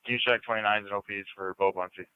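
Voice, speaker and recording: A man's voice: on the low side, steady tone, quick pace, smooth, no echo. A man calling dispatch over a police scanner radio in terse, clipped codes. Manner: clipped, businesslike. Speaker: emergency unit calling dispatch. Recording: muffled scanner radio transmission.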